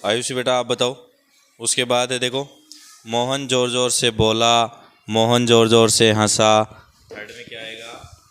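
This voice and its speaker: A man's voice: mid-range voice, completely flat delivery, unhurried, fairly bright tone, clear, resonant tone. A man teaching a class of small children, calling pupils up by name and coaxing them through each worksheet. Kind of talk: classroom lesson.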